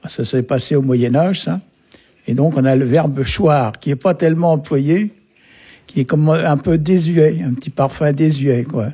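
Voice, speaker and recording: A man's voice: on the high side, unhurried, dark tone, husky. A man from Brittany, a language teacher, patiently explaining words on a radio lesson. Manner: patient, explanatory, peppers talk with short tags.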